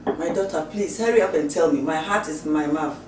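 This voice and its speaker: A woman's voice: deep voice, fairly quick, lightly acted. An actress playing an older mother who anxiously urges her daughter to get to the point. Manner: impatient, exclaiming. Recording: distant, roomy sound.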